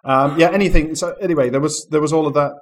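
A man hosting a podcast in casual chat. He speaks with careful, clear diction and laughs easily. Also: fairly high pitch, fairly even intonation, quick pace, a little hiss or hum. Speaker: podcast host.

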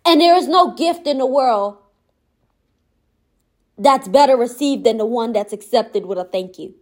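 A woman giving a motivational monologue, impassioned and emphatic, with a gentle yet firm voice. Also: a little high, expressive, measured pace. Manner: impassioned, repetitive emphatic phrasing.

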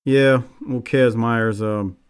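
A man hosts a casual wrestling recap in a medium-pitched voice. His delivery is dry and offhand, often trailing off. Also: steady tone, slow, clear, resonant tone. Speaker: podcast host.

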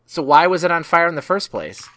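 A man's voice: a little high, big pitch swings, fairly quick, a bit bright. A man hosting a podcast over a remote call in a casual, chatty way. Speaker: podcast host.

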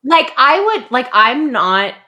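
A woman's voice: sits high, very animated, takes it slowly, pushed and bright, lo-fi sound. A woman hosting a podcast, asking questions and chatting casually with her guest. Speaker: podcast host. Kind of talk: casual interview chat.

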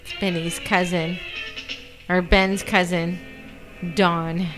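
A woman giving crude, animated commentary while watching a film with a friend. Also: lowish voice, takes it slowly, music in the background. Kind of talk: casual movie-watching chat.

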